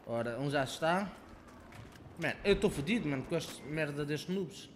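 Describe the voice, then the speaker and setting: A young man with a European Portuguese accent giving excitable, profane commentary over his own gameplay, taunting other players. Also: fairly high pitch, moderate pace, a little hiss or hum. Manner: excitable, swearing, taunting players, swings between shouting and muttering. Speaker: gaming channel host.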